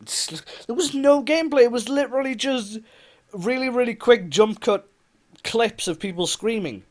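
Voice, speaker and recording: A man hosts a casual gaming podcast in a high voice. He runs through the news with quick sarcastic remarks and often laughs along the way. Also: darkish tone. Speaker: podcast host.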